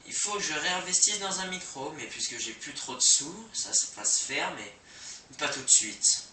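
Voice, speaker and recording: A young man talks through a coding lesson in a loose, slangy way, full of fillers and self-mockery. His voice is bright and sharp, with lively pitch swings. It sits far from a cheap mic in a roomy, echoey space. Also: moderate pace, slight background noise. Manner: slangy, rambling, self-deprecating, many fillers. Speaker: coding tutorial host. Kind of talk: casual screen-recorded coding lesson. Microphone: cheap microphone. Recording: poor mic, echoey room, distant.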